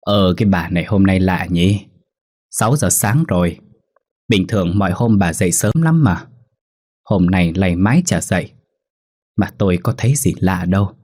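A plain old husband who answers with a low, husky grumble and a matter-of-fact tone, as a male storyteller plays him. The voice stays close to the narrator's own. It is heard in a spoken ghost story. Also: moderate pace, long pauses, a little mellow. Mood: grumbling.

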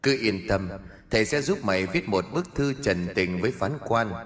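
Man voicing a calm older exorcist master in an audio ghost story, low voice. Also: normal speed, natural voice.

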